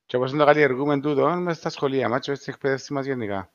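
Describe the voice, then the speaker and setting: Cypriot greek dude just chatting, throws english words in, kinda dull lo-fi audio, no echo. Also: male voice, medium pitch. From Cyprus. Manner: mixes English words into his speech. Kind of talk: casual chat. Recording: dull lo-fi sound.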